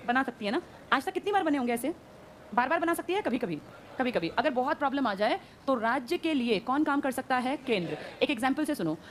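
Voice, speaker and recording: A woman teacher giving a brisk classroom lecture, quizzing her students and answering her own questions. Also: high-pitched, a little hiss or hum.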